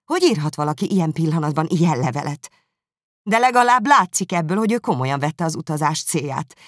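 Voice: medium pitch, lively intonation, no room sound, studio quality, lightly acted. Elizabeth, read by a narrator as an indignant young woman. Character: lively young woman, upset and outspoken.

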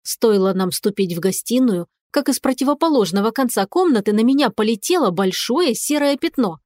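A woman reading a first-person audiobook narration in a lively, expressive way. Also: fairly high pitch, a little fast, dry recording, clean studio sound.

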